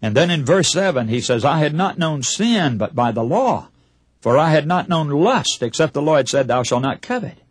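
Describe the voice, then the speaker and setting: A man's voice: a little high, sing-song, normal speed, husky, dry recording. A man preaching a broadcast Bible sermon, emphatic and putting rhetorical questions to his listeners. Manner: acts out short imagined dialogues. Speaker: radio preacher.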